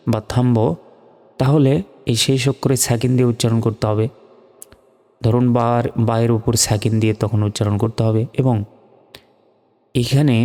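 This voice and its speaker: A man teaching Quran recitation step by step, spelling out letters and vowel marks, then chanting the words slowly and drawn out. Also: mid-range voice, warm tone, big-room sound.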